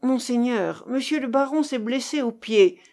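A man's voice: extremely high pitch, lively intonation, normal speed, darkish tone. A woman reading aloud, voicing a male hunting guard who speaks respectfully and plainly to a prince. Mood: deferential.

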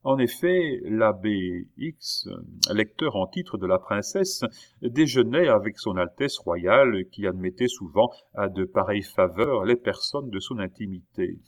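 A man's voice: on the low side, lively intonation. Man narrating a classic novel. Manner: measured reading with occasional hesitations. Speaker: audiobook narrator. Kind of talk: literary audiobook narration.

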